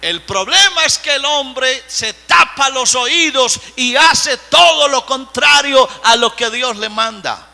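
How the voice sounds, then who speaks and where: A pastor with a strikingly high, piercing voice delivers a live sermon at a slow, deliberate pace. He preaches emphatically and breaks into sudden shouts. The sound carries a long church-hall reverb with a faint mains hum beneath it. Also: expressive, vocal fry. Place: church sanctuary.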